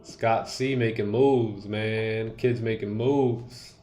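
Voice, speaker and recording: A man hosting a live trading stream in casual chat, relaxed and slangy, greeting viewers by name. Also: on the low side, takes it slowly. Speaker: livestream host and day trader.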